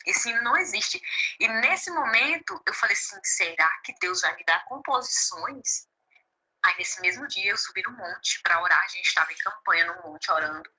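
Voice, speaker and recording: A woman from Brazil recounts her testimony as a gospel singer and preacher in an interview. Her voice is very bright and ringing, and her telling is lively, acting out what others said to her. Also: medium pitch, moderate pace, rough recording. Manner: lively storytelling, quotes others, laughs easily.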